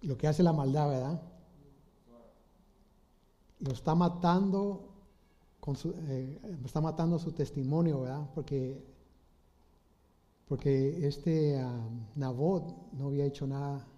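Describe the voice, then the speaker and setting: Halting, mellow-voiced male preacher. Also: on the high side. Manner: halting, many restarts, rhetorical questions. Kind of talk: informal sermon retelling a Bible story. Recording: slightly dull lo-fi audio.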